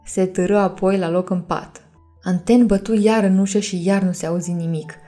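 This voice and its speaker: Gentle woman reading a bedtime story. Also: mid-range voice, steady tone, faint music behind. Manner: gentle, addresses listeners as dears.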